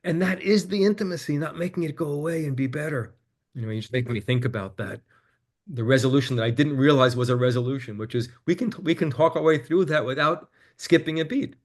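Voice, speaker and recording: A man, a guest on an interview, telling a personal story in a candid, reflective way and growing animated as he quotes his own conversations. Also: a little high, fast talker.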